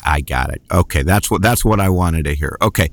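A man's voice: low-pitched, fairly quick. A man hosting an interview podcast, rambling and folksy with many fillers. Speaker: podcast host.

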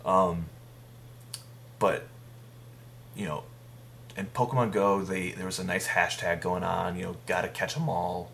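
A man's voice: low voice, fairly even intonation, measured pace, vocal fry, pauses often, a bit bright, slight background noise. A man co-hosting a podcast, chatting casually and joking with a laugh in his voice. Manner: jokey, laughs often. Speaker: podcast co-host. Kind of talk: casual chat.

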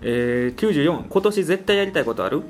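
Higher-pitched Kansai man, lively teasing host. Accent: Kansai Japanese. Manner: teasing, quick to chuckle, frequent backchannels. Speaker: podcast co-host reading out questions. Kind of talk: casual chat, quizzing a friend. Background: background music.

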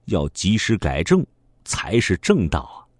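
Deep-voiced guy reading a kids story, super expressive, dry close sound. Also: dry recording. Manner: animated, sing-song with drawn-out particles. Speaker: children's storyteller. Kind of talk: storytelling for children.

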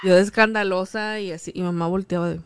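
A woman, co-hosting a podcast in a lively, playful way. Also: on the low side, quick pace, background noise. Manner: lively, playful, laughs often. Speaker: podcast co-host. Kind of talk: casual chat.

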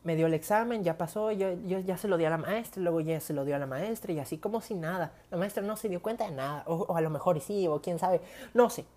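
Low-voiced young Mexican woman vlogging. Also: quick pace. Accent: Mexican Spanish. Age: young adult. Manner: chatty, slangy, animated retelling with whispered asides. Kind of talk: casual storytelling to camera.

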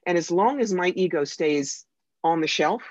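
An American psychic medium talks in an animated, emphatic way with a dry wit. The voice sits in the middle register. The sound is dry and slightly dull, like a modest lo-fi recording. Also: medium pitch, moderate pace, no room sound. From United States. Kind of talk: conversational interview storytelling.

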